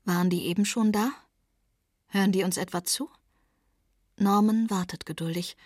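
A woman narrating a first-person novel, often dropping to a breathy whisper. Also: mid-range voice, moderate pace, darkish tone, dry recording, studio quality. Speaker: audiobook narrator.

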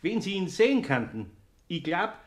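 A gentle old Bavarian carpenter. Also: male voice, high voice, sing-song. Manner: slow, soft-spoken, coaxing. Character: kindly old master carpenter, gentle and patient. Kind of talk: radio play acting. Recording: roomy studio recording.

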